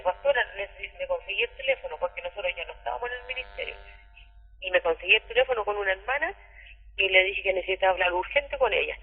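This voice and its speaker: A Chilean woman in midlife speaks over a tinny telephone line with a lingering echo. Her voice is gravelly and husky, and she halts, repeats herself and presses on through an emotional retelling. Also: medium pitch. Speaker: caller recounting abuse. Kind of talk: emotional phone testimony.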